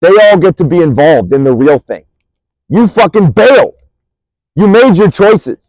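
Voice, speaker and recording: High, swooping man in a furious rant. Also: expressive, moderate pace, darkish tone, dry recording, rough recording. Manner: furious, profane, accusing; rambling, restarts mid-sentence. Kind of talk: angry monologue rant.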